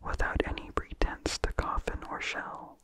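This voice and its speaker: A narrator whispers through a piece of old horror fiction, breathy and voiceless as in ASMR, letting the phrases unfold in a slow, measured, deliberate way.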